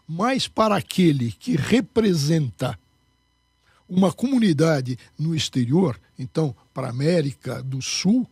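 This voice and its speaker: A man's voice: on the high side, lively intonation, unhurried, creaky, darkish tone, slightly rough, no room sound, clean studio sound. A man answering as a guest in a political interview, emphatic and lecturing.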